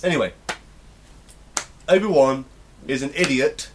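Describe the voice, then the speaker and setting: A man's voice: medium pitch, measured pace, slight background noise. A young man, co-hosting a casual debate, mocking and laughing as he argues. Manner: mocking, laughing, puts on voices to mimic. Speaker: podcast co-host.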